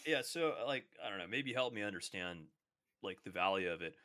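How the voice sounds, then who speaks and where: Deep, bright-toned man with a dry sound. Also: lively intonation, fairly quick, no room sound. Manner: casual, filler-heavy, questioning. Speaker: podcast co-host. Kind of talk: casual tech chat.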